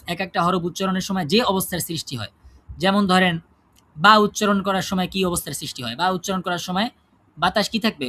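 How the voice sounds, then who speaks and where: A man teaches a class with a high-pitched voice. He asks the students questions and answers them himself. He keeps checking whether they follow him. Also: a bit bright, slight background noise. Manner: checks understanding with frequent tag questions. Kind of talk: classroom lesson on Quran recitation rules.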